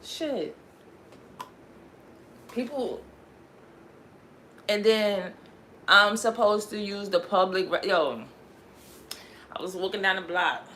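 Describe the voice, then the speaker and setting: A woman's voice: medium pitch, takes it slowly, long pauses, bright, forceful tone. A young woman raised in Connecticut, chatting casually on her livestream in a rambling, slangy way and laughing often. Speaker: livestream host.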